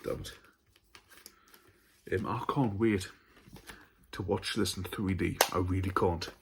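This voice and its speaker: A man's voice: deep voice, fairly even intonation, takes it slowly, background noise. A man hosting a casual haul vlog about horror films, chatty and stumbling over his words at times. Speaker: horror film channel host.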